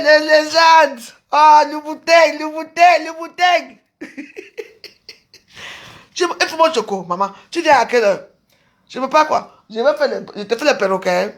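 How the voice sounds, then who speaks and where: A woman with a gravelly, creaky voice gives an emotional interview on the street. She repeats phrases in exclamation, and her voice sometimes comes close to tears. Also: sits high.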